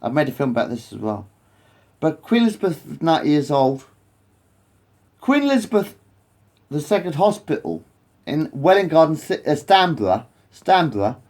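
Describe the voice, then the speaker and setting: This vlogger from England, in his late forties, has a fairly high-pitched voice with a darkish tone. He rambles at the camera, says the same things more than once, swears often and loses the thread.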